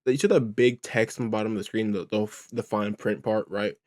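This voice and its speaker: A man's voice: on the low side, fairly even intonation, a little fast, a little mellow. A man giving a casual, rambling reaction commentary, full of slang and filler. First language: English. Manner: rambling, slangy, says bro a lot. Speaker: reaction video host.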